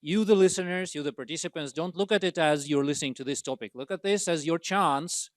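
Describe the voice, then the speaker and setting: A man as seminar host giving opening remarks in a university room, earnest and halting with frequent pauses. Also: fairly high pitch, no room sound, clean studio sound. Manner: hesitant, many uh fillers, earnest. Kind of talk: opening remarks introducing speakers.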